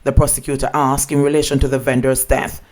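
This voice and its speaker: A man reading a scripted news report in a formal, measured manner. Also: mid-range voice, little pitch movement, a little mellow. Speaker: news narrator.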